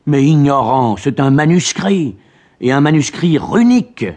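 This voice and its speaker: A man voicing an excitable, irascible old male professor in an audiobook, scolding and impetuous. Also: medium pitch, fairly quick, slightly rough. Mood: excited. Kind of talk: dramatized audiobook reading.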